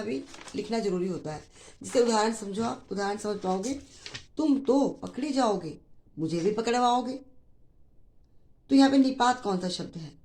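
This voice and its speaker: A woman's voice: on the high side, a little mellow, slight background noise. Lady teacher going over grammar for kids, patient, repeats stuff a lot. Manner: explains patiently, repeats key phrases, speaks to students as children. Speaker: Hindi teacher. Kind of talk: classroom grammar lesson.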